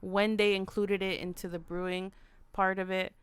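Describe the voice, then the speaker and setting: A woman's voice: medium pitch, level tone, normal speed, clean tone, dry recording. A woman co-hosting a casual beer podcast, reading out hop facts with many restarts and corrections. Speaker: podcast co-host. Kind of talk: casual chat.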